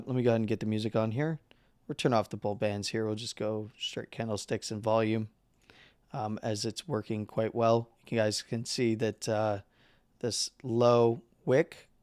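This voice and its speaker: A man hosting a live market analysis stream who is losing his voice, talking casually through chart levels with halting fillers and the odd throat-clear. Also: mid-range voice, a little mellow, no room sound, clean studio sound. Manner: halting, with fillers and number readouts; clears throat and coughs now and then.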